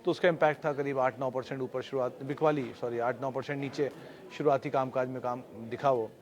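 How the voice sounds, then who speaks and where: Man, market show host, mid-pitched, steady, hesitant fillers. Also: a little fast, lo-fi sound. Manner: steady explanatory delivery with frequent filler hesitations. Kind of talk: daily stock market wrap-up.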